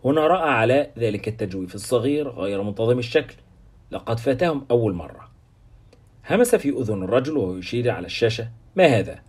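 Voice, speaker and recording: A man reading a novel aloud as an audiobook narrator, with steady storytelling. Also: medium pitch, fast talker, husky.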